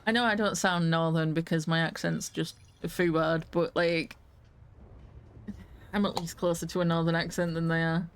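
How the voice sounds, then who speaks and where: A woman's voice: deep voice, fairly even intonation, normal speed, smooth. A woman streaming a game, chatting casually in a rambling, self-correcting way, with a giggly edge. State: hiccups. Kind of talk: casual gaming commentary.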